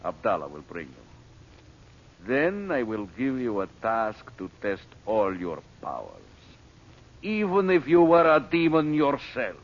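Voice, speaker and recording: Heard on a hissy, lo-fi vintage radio transcription, an actor plays a menacing, ruthless villain issuing commands in 1930s fashion. His mid-range voice is sing-song and slow.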